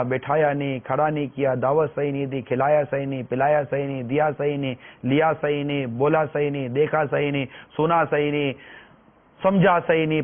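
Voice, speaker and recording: Male preacher, slightly high voice, earnest pleading delivery, tinny phone-line sound. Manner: earnest, pleading, repeats phrases. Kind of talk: religious talk.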